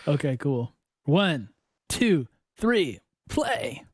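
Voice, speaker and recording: A man's voice: fairly high pitch, very animated, extremely slow, breathy edge, no echo. Man on a dry livestream headset mic. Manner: joking, talks straight to chat. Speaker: livestream co-host. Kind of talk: casual stream chat.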